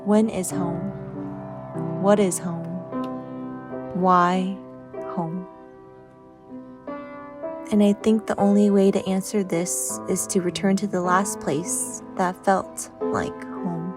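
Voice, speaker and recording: A woman from Sacramento narrating her documentary in a measured, poetic voice-over. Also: lowish voice, steady tone. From Sacramento, California. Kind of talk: scripted reflective voice-over. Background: music.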